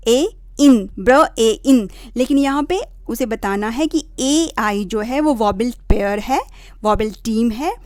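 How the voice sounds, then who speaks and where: A woman hosting a parenting channel, slowly and patiently explaining reading rules to parents and sounding out words. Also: a little high, darkish tone, dry recording, clean studio sound. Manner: slow and patient, spelling out sounds. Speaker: parenting channel host teaching phonics.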